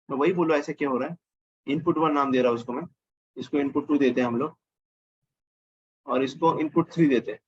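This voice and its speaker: A man's voice: fairly high pitch, breathy edge, dull audio. A man teaching a casual coding lesson over his screen, thinking aloud and correcting himself as he goes. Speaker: programming teacher.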